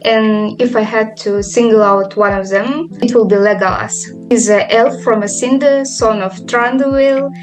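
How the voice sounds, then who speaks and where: A woman's voice: on the high side, steady tone, measured pace, faint music behind, low-quality recording. A woman in her twenties from Kazakhstan, a student answering fluently and eagerly. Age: 20s.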